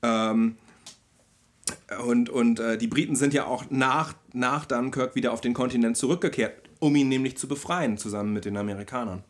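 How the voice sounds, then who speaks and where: A man co-hosting a podcast in casual chat, dry and measured, steering the conversation. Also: medium pitch. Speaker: podcast co-host.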